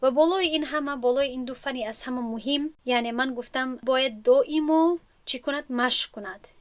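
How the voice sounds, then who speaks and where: A woman teacher, her voice pitched somewhat high, speaks in an earnest, instructive lecture manner, often restating a point in other words. The recording is dry and close, with no room sound. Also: no room sound. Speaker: teacher at an Islamic school for women. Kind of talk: lecture to students.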